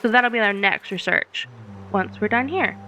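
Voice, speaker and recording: Let's play host, woman, mid-pitched, casual and chatty, thinking aloud and laughing at puns. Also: normal speed, bright, forceful tone, faint music behind. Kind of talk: casual gameplay commentary.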